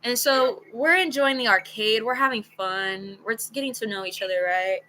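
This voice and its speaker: A young woman telling a personal story to camera in a casual, frank, animated way, full of "like" and the odd swear word. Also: a little high, normal speed, slight background noise, rough recording. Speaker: storytelling video creator. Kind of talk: casual story-time monologue.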